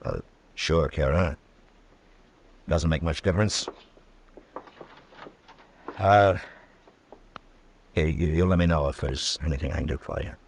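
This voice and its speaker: A man playing a steady, laconic frontier marshal in an old-time radio western, speaking in a measured, understated way. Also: a bass voice, gravelly, slight background noise, full character voice. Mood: easygoing. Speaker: radio drama actor. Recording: vintage radio drama recording.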